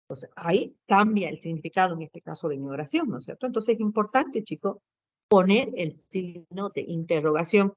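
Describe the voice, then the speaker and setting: A woman's voice: on the low side, animated, moderate pace, no echo, highs cut off. A woman teacher giving a grammar lesson to students, explaining step by step, often adding tag questions and fillers.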